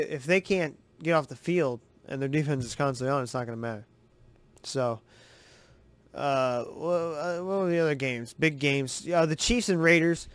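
A man hosting a sports podcast, giving excitable, rambling, profane commentary over game footage. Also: a little high, clear, resonant tone, dry recording.

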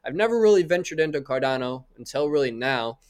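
Guy hosting a podcast, mid pitch, eager and friendly, asks lots of questions. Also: lively intonation, fast talker. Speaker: podcast host. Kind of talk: casual interview.

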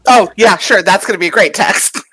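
A woman playing a tabletop role-play game, speaking in and out of character in a lively, giggly way. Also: medium pitch, a little fast, breathy edge, no echo. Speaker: player.

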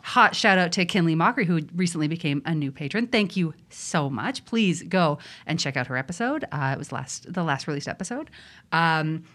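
A woman's voice: low-pitched, moderate pace. A woman co-hosting a podcast, joking and teasing in casual chat. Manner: joking, teasing, lively delivery. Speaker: podcast co-host.

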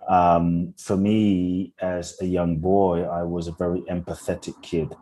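A young adult man, a podcast guest from Ghana and London, telling his life story earnestly with slow, searching restarts. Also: deep voice, flat delivery, warm tone, a little hiss or hum. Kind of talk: reflective interview storytelling.

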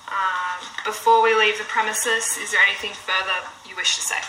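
A woman's voice: mid-range voice, steady tone, moderate pace, bright, forceful tone. A woman police constable reading set questions in a formal recorded interview, heard as a played-back police interview recording. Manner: procedural, reads set questions with fillers. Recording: echoey room with faint background noise.

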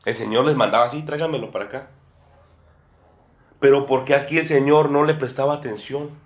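A male preacher speaks at a middle pitch, in a room with noticeable echo. He delivers his sermon in a repetitive way, circling back on his phrases and addressing his listeners again and again as brother and sister. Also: fairly even intonation, fast talker. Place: church room with a table and a small congregation. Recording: echoey room.

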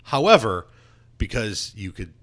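A man's voice: on the low side, very animated, unhurried, a bit bright. A young man telling self-deprecating stories in a casual chat, with many restarts and laughs.

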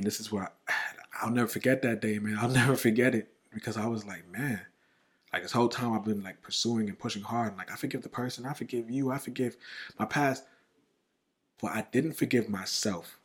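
A man hosting a podcast, talking casually and earnestly about faith and reading aloud from a journal and scripture. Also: lowish voice. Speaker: podcast host.

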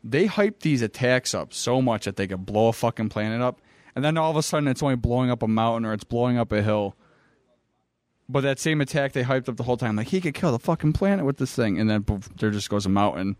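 A laid-back man chatting and joking with a friend, his voice at a middle pitch. The recording is dry and close. He swears casually and riffs for laughs. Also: lively intonation, fast talker, a little mellow, no room sound. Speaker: podcast co-host. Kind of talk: casual chat.

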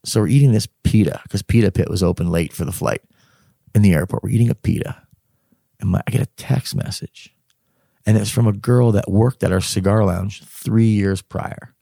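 A middle-aged man with a fairly low voice recounts a story in an easy, conversational way. He drops into quoted dialogue and breaks into laughter as he talks. The recording is close and dry, with no room sound. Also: normal speed, gravelly, dry recording. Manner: animated, acts out dialogue, laughs mid-sentence. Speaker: guest telling a personal story. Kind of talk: casual spoken storytelling.

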